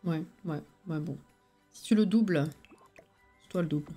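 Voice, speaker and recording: A tired woman with a deep, breathy, dark-toned voice and a lisp that makes her s sounds slushy. She thinks aloud at a normal speed in casual, colloquial live-stream commentary, her voice set over background music.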